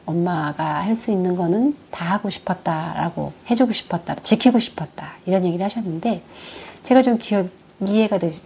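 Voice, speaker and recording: A middle-aged woman telling her own story in an earnest, candid way, calmly retelling talks with her mother. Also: on the low side, husky. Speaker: vlogger. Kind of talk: reflective personal talk.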